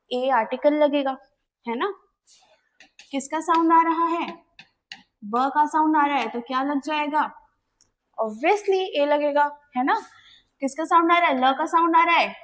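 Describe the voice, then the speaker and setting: A young woman with a high voice teaches an exam-prep grammar lesson. She keeps asking her class questions and then answers them herself. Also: measured pace, long pauses.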